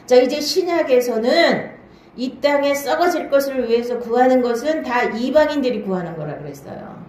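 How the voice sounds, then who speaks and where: A woman's voice: high-pitched, lively intonation, moderate pace, a little mellow. A woman pastor preaching a Bible-study sermon in a church hall, often asking the listeners questions and checking they follow. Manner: marks each new point with a short "now then".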